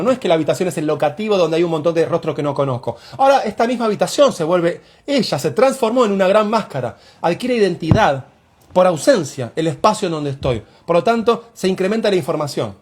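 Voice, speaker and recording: A man teaching poetry, walking his students through a poem step by step and often asking them to look closely at what he points out. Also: sits high. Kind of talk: explanatory lesson on a poem.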